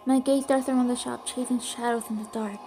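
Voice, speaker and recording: A woman's voice: a little high, steady tone, fairly quick, over music. A woman streaming a story game live, reading the narration aloud and making casual asides.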